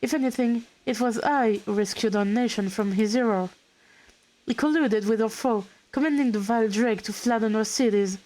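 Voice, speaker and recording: A woman's voice: fairly high pitch, moderate pace, a little mellow, lightly acted, poor audio. A woman reading aloud a scheming ancient male villain who talks in pompous, archaic phrases. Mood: grandiose. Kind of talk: reading game dialogue aloud.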